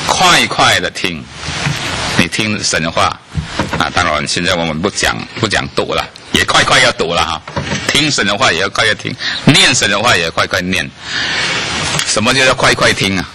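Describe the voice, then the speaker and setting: A man with a lowish voice preaches a lively sermon to a congregation, often asking them questions and dropping in lots of "ah" fillers. There's slight background noise.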